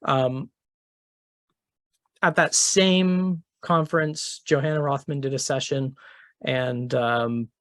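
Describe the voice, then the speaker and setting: A man's voice: medium pitch, fairly even intonation, slow, pauses often, a bit bright, no echo, clean studio sound. Middle-aged man telling a keynote story. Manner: casual and conversational, with many fillers and restarts. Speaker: keynote speaker. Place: conference venue.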